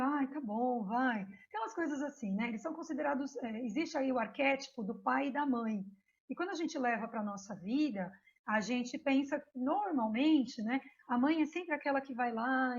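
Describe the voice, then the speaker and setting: A high-voiced Brazilian woman teaching an online yoga course. She tells stories in an animated, chatty way, with many little asides. The recording is muffled and lo-fi. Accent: Brazilian Portuguese. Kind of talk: online course lecture with storytelling. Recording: dull lo-fi recording.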